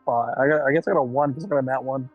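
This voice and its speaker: A man's voice: mid-range voice, rapid-fire, narrow, tinny audio, soft background music. A man chatting casually as a player in a tabletop game.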